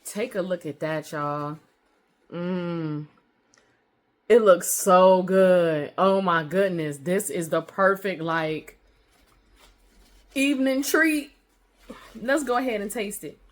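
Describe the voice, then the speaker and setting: A woman's voice: on the low side, slow, long pauses. A woman chatting casually in a home baking vlog, with lots of fillers, calling her viewers honey and y'all. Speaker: vlogger. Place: home kitchen.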